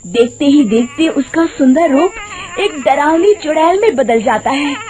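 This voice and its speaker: A woman's voice: high voice, expressive, measured pace, a little mellow, slight background noise. A woman narrating a scripted moral story for children.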